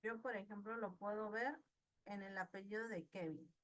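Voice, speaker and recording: A woman's voice: mid-range voice, steady tone, moderate pace, fairly bright tone. A woman teaching an online class, patiently asking her students questions and praising their answers. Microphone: video call.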